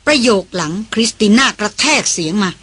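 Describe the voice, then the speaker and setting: Bright, husky woman reading a novel. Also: mid-range voice, lively intonation, fairly quick. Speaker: audiobook narrator.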